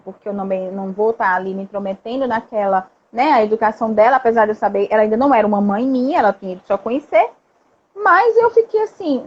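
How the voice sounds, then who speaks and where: A woman in a casual live chat telling a story in an animated way. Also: fairly high pitch, breathy edge. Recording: dull lo-fi live stream audio.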